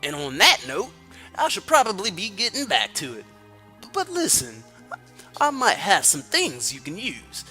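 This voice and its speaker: A chipper village storekeeper with a thick, put-on Texas drawl. The voice jumps way up in pitch and comes out loud and cartoonish, with odd, unusual timbre. Game music plays underneath. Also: male voice, wildly swooping pitch, a little slow, exaggerated voice. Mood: cheery. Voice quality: high, loud, overdone cartoonish voice. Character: cheery male village shopkeeper, rescued and chatty.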